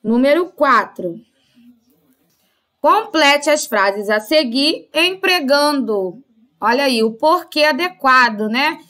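A woman's voice: sits high, lively intonation, slow pace, fairly bright tone. A woman teaching a primary school class, explaining each point step by step and checking in often with her pupils. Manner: patient, explains step by step with frequent "tá?" and "né?" check-ins.

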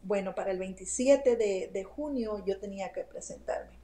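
A woman's voice: mid-range voice, moderate pace, mellow, low-quality recording. A woman telling a story to a host in a casual chat, full of fillers and asides. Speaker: interview guest.

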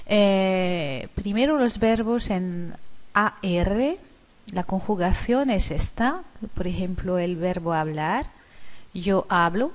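Slow, deliberate female grammar teacher. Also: medium pitch. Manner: slow and deliberate, with hesitant fillers. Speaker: language teacher. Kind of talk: explaining grammar lesson.

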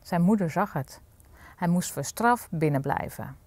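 A woman's voice: fairly low pitch, measured pace, no room sound. Woman reading a fairy tale aloud. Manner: expressive storybook reading. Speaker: storyteller.

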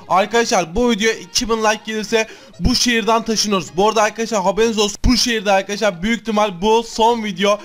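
Hyped gaming guy, high voice, talks super fast to his viewers, slangy. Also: fairly bright tone. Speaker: gaming channel host. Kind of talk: excited gameplay commentary.

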